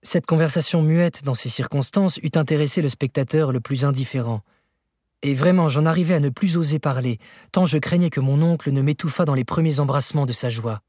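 Husky male audiobook narrator. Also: fairly high pitch, brisk, warm tone, no room sound, clean studio sound. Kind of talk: scripted literary narration.

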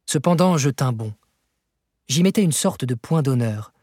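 A man reading a novel aloud in a measured, even storytelling manner, with a husky voice. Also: mid-range voice, no echo, studio quality. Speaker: audiobook narrator. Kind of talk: scripted literary narration.

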